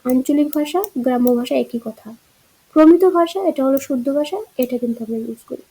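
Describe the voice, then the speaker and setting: A woman's voice: sits high, quick pace, mellow, breathy edge, poor audio. A woman teaching an exam-prep grammar lesson, walking through answer choices and checking in with rhetorical questions.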